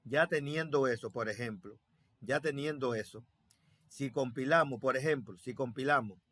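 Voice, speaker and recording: A man's voice: medium pitch, moderate pace, a bit bright, no echo. A man teaching a programming tutorial step by step over his screen, repeating himself and thinking aloud with many fillers. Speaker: software instructor.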